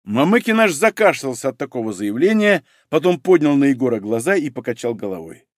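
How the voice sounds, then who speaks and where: A man narrating an audiobook in an expressive reading voice. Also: medium pitch, fairly quick, no room sound, clean studio sound. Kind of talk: scripted narration.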